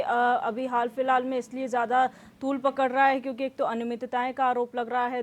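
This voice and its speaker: High-voiced woman news anchor. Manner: formal, prompting. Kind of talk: moderating a panel debate.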